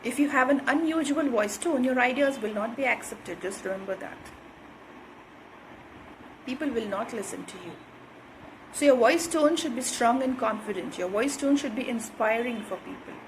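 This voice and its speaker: High-voiced woman teaching communication skills. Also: normal speed, a little hiss or hum, rough recording. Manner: didactic, repeats points with "right?" and "okay". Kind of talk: instructional talk to camera.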